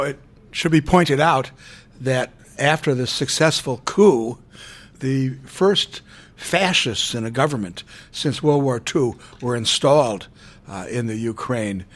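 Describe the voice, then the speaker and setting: A man co-hosting an interview, giving commentary and asking questions in a deliberate way with some fillers. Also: mid-range voice. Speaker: radio show co-host.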